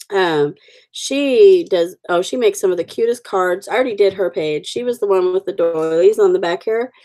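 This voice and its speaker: Greeting her viewers by name, a sniffly woman with an Oklahoma accent chats casually while coloring stamped cards on her livestream. Her voice is fairly low and dark.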